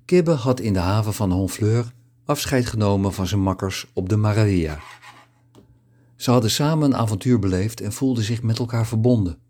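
A middle-aged man reading a story aloud in a calm, even narrating voice. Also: lowish voice, moderate pace. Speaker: audiobook narrator. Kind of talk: scripted narration.

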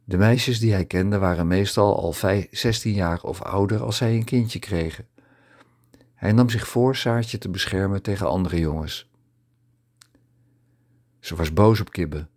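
A man reading a story aloud as an audiobook narrator, steady and measured. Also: low voice. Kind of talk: scripted narration.

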